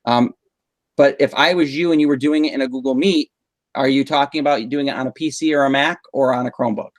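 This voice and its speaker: A man's voice: medium pitch, fast talker, no echo. A man running a live online training session for teachers, patiently explaining tools with frequent um fillers. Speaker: instructional technology trainer. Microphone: video call mic.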